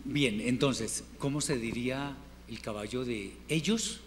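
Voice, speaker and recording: A man teaching a Hebrew class, patiently drilling word forms and repeating them slowly for his students. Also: medium pitch. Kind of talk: classroom lesson. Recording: reverberant room with faint noise.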